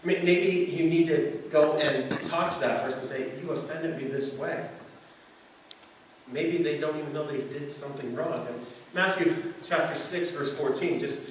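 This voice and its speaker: A man's voice: fairly high pitch, moderate pace. A man preaching a sermon as pastor, talking in a conversational, self-deprecating way and often restarting his words. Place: church sanctuary. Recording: echoey room, distant mic, faint hiss.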